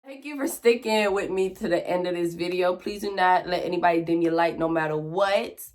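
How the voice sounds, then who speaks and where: A woman's voice: on the low side, a little fast. A woman vlogger telling a personal story casually and bluntly, acting out the conversations she quotes.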